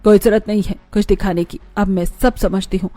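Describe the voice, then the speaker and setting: A man's voice: sits high, little pitch movement, fairly quick, voice pushed up, natural voice. A man voicing a stern, scolding middle-aged mother-in-law in a cartoon story. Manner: scolding, sharp. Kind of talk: cartoon voice acting.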